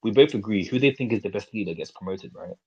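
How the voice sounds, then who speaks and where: A man's voice: on the low side, fast talker, breathy edge, muffled recording. A man in a casual debate, methodically explaining his point through step-by-step analogies.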